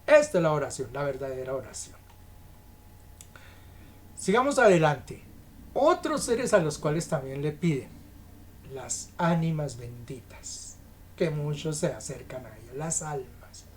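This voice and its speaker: A woman's voice: deep voice, big pitch swings, measured pace, long pauses, slight background noise. A woman preaching an evening sermon, reading scripture aloud and explaining it emphatically, often asking her listeners direct questions.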